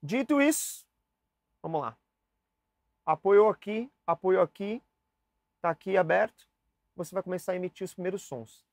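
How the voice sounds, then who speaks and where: A man's voice: high-pitched, normal speed, pauses often, a little mellow, no echo, studio quality. A young man teaching saxophone basics in a casual, chatty way, demonstrating and talking straight to the viewer. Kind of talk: casual instructional lesson. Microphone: camera mic, switching cameras.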